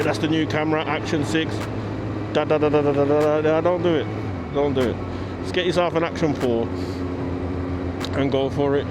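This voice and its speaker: A man with a British accent giving casual motovlog advice to camera in an informal, slangy way, often checking that the listener follows. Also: fairly high pitch. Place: outdoors on a motorbike.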